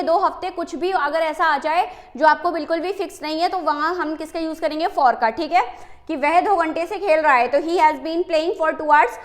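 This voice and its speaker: A woman with a high, light voice teaches an English grammar lesson. She poses rhetorical questions, then answers them herself, and keeps checking in with the listener. She slows down deliberately to read out the example sentences. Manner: repeats rhetorical questions, frequent "ठीक है" checks. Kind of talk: Hindi-English tense lesson.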